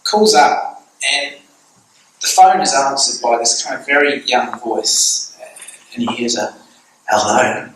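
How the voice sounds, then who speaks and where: Australian man, guest church speaker, bright tone, echoey hall, distant mic. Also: medium pitch, animated, measured pace. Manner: earnest, conversational, with restarts. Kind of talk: church talk with storytelling.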